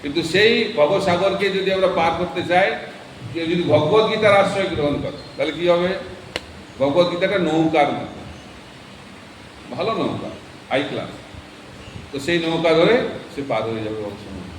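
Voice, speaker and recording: A man's voice: on the high side, normal speed, pauses often, a little hiss or hum. A man, a monk, giving a scripture sermon to a gathering and teaching by asking questions and answering them. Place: temple hall. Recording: echoey hall, speaker far from the mic.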